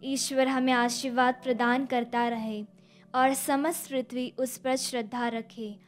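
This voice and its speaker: A young woman reads scripture at a Mass lectern, her voice high and light, each phrase slow and even. Faint music plays softly behind her in the chapel. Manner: even, deliberate recitation of scripture and psalm. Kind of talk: slow, measured liturgical reading. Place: indoor studio chapel. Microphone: stand mic at a lectern.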